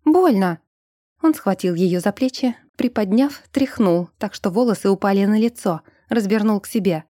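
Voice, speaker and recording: A woman narrating an audiobook in a steady, even reading. Her voice is mellow and dark. The recording is dry and close. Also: mid-range voice, normal speed, dry recording. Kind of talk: scripted narration.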